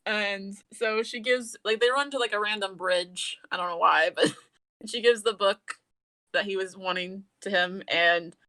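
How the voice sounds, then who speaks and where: A woman's voice: mid-range voice, unhurried, pushed and bright, dry recording. A young woman co-hosting a casual podcast, retelling scenes and acting out the characters' lines with laughter. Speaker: podcast co-host. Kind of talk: casual anime recap chat.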